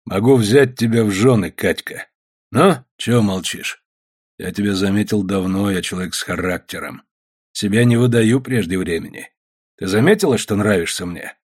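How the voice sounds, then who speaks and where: A man reading aloud and voicing a big, mocking male anarchist who makes slow, drawn-out threats, in a husky voice. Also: fairly low pitch. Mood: slow menace.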